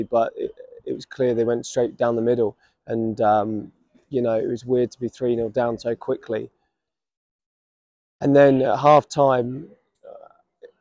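An English football manager in his thirties speaks after a match, outdoors beside a stadium running track, with no room sound. His tone is dark and his delivery even and flat, reflective and measured, with many restarts. He's recorded by a camera at standing distance.

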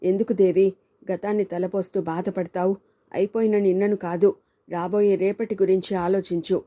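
A woman's voice: medium pitch, little pitch movement, normal speed, dark tone, highs cut off, natural voice. A woman voicing a caring, tearful woman friend in a storybook reading, pleading with her.

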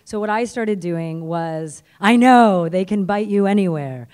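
A middle-aged Canadian woman with a medium-pitched, darkish, clean voice speaks at a measured pace on a convention panel. Holding a handheld mic on a stage in a convention hall, she's chatty and pokes fun at herself.

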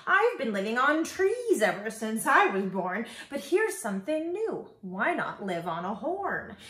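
Woman doing a high, chirpy, brash little bird. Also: big pitch swings, measured pace, echoey room. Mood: excited, admiring. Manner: chirpy, loud, cocky. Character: brash, fresh little male zinazoo bird, cheerfully presumptuous.

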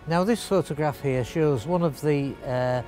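An older man with a slightly raised voice talks through local history, pausing often on "uh" as he explains. Light music plays beneath him. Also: fairly high pitch, darkish tone. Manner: hesitant, many "uh" fillers, explanatory. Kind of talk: spoken local history presentation. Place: in front of a brick wall.

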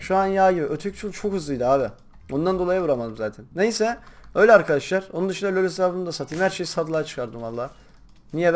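A young man chatting casually while playing a game, rambling to his viewers and breaking into loud excited shouts. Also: a little high. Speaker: gaming YouTuber. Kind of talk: casual gameplay commentary.

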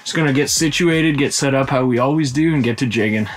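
A man's voice: medium pitch, fast. A man in his thirties from Ontario, Canada, hosting an outdoor fishing vlog in an upbeat, chatty way, recorded on a camera mic out on a frozen lake and inside a small tent. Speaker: fishing channel host.

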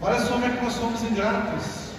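A man with a Brazilian Portuguese accent preaching to a church group. He calls out questions to the crowd and then speaks softly and slowly. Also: very high voice, noisy background. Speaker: deacon. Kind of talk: sermon talk to a church group. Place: large church sanctuary. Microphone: handheld mic, filmed from the pews. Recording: echoey church from far off.

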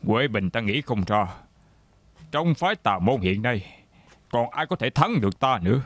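A boastful monk in a dubbed drama. His voice is mid-low and plain, recorded dry in a studio. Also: sing-song, normal speed, no echo. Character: proud martial-arts monk.

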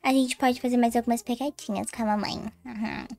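Girl doing a high-voiced cheeky twin, giggly and playful, roblox story, soft music under it. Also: fairly even intonation, fairly quick, no room sound, close to an everyday voice. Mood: scheming. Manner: playful, giggly, exaggerated panic. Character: mischievous young twin girl, prankster.

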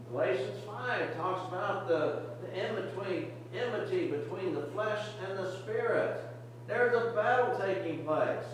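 A man's voice: sits high, a little hiss or hum. An older man preaching a sermon from a church pulpit, earnest and exhorting, often restarting his words. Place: church sanctuary, medium size, indoors. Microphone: podium mic, camera far at back of room. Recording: very echoey distant church recording.

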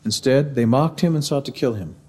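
In a large university auditorium, a middle-aged man speaks earnestly and at a measured pace into a podium microphone, giving a formal devotional address. He has a warm, mellow Missouri accent and a husky, mid-range voice.

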